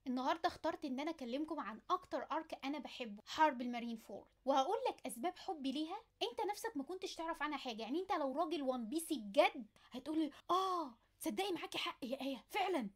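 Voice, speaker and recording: Fast, high-voiced excited Egyptian anime fan, woman. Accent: Egyptian Arabic. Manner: chatty, playful, addresses viewer directly. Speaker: anime video host. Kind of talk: casual anime commentary to camera.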